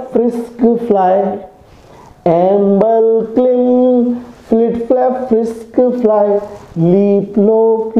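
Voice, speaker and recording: A male English teacher gives a classroom-style video lesson, chanting word lists in a sing-song rhythm and explaining memory tricks. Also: sits high. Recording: echoey, tinny phone-like sound.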